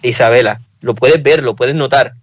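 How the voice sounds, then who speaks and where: A man's voice: medium pitch, moderate pace, husky, no echo, rough recording. A man with a Puerto Rican accent, speaking as a guest in a casual panel discussion and telling personal stories earnestly. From Puerto Rico.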